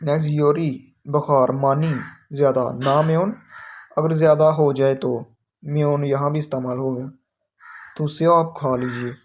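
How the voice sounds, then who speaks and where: Guy going through textbook vocab, kinda high voice, pretty monotone, says each word then explains it. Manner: repeats words slowly, explains each term; reads aloud from a textbook. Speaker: Korean language teacher.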